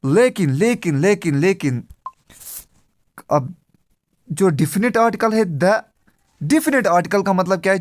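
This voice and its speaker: A male teacher from Kashmir gives a grammar lesson over slides, asking questions and answering them himself while repeating key words step by step. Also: high voice. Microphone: screen recording with slides.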